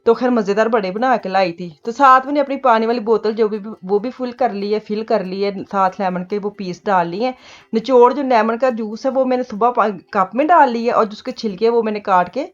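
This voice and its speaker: A woman's voice: fairly high pitch, fairly quick, dull audio. Chatty Punjabi-accented woman vlogging at home. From Pakistan. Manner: chatty, laughs often, mixes Punjabi words into her talk. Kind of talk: casual chat. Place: home kitchen.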